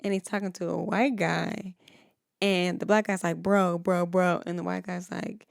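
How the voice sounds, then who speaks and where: A woman in casual home podcast talk, animated and quick to laugh. Her voice has a gravelly, fried edge. The sound is dry and close to the mic. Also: on the low side, dry recording. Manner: animated, laughing often, jumps in. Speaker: podcast co-host. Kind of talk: casual chat.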